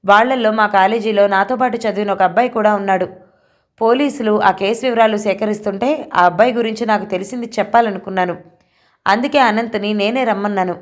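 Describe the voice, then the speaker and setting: A woman's voice: mid-range voice, brisk, lightly acted. Woman reading as a tearful pleading daughter. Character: distressed young woman, a grown daughter.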